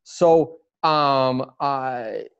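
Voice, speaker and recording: Extremely slow and clear, a mid-range male voice with a resonant tone rambles as a casual interview guest, with lots of fillers and restarts. He comes from Russia, speaks Russian natively, and has a Russian accent. The recording is dry, slightly dull, and free of echo.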